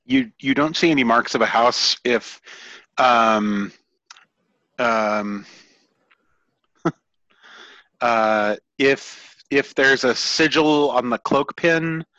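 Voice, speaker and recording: A man narrating a tabletop game as game master, slow and atmospheric, often dropping to near-whispers. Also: mid-range voice, bright, forceful tone, dry recording, dull audio.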